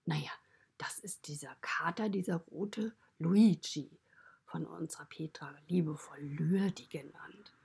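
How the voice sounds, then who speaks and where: Lady doing a chatty stable animal telling kids stories, super breathy whisper, raspy. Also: low-pitched, a little slow, a little mellow, heavily acted. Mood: friendly. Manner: mostly whispered, chatty and confiding. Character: friendly stable animal narrator, fond of children. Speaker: storyteller. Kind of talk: children's podcast storytelling.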